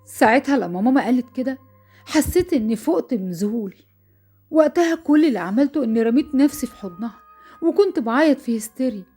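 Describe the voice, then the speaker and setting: A woman's voice: sits high, lively intonation, fast, warm tone, breathy edge, soft background music. A young woman with an Egyptian Arabic accent narrating a first-person horror story, breathless and fearful.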